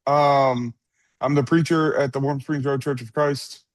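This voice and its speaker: A man from North Alabama with a Southern US accent, a preacher talking as a guest in a deadpan, playful way. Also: mid-range voice, a little slow, no room sound. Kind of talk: casual interview talk.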